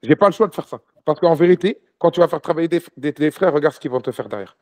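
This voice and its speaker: Brief: male guest, fast animated storyteller, voices the people in his anecdotes, trips over words. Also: a little high. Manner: animated storyteller, acts out dialogue, many restarts. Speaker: hajj travel guide, interview guest. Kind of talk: casual storytelling interview.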